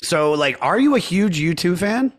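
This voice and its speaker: A man hosting a podcast, chatting casually and excitably, dropping into low mutters and bursting into laughter. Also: normal speed. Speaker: podcast host.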